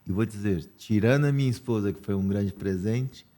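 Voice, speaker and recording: A man's voice: fairly low pitch, fairly quick, warm tone. A man from Brazil hosting a podcast interview, chatting casually and sharing personal stories.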